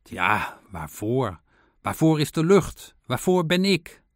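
A man's voice: mid-range voice, sing-song, takes it slowly, dry recording, clean studio sound, pitched above the performer's own voice. A man voicing a busy, stubborn male beaver who answers bluntly and dismissively in a storybook reading. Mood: gruff, busy.

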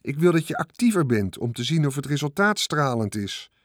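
A man's voice: fairly high pitch, very animated, a little fast, no echo, studio quality, pitched above the performer's own voice. A man voicing a kind, clever female spider who gives orders and tells stories. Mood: commanding.

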